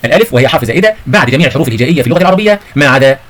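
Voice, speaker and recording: A man's voice: medium pitch, expressive, rapid-fire, fairly bright tone. A man teaching a grammar lesson to children, calling them his sons and daughters and explaining each point step by step. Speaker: Arabic teacher.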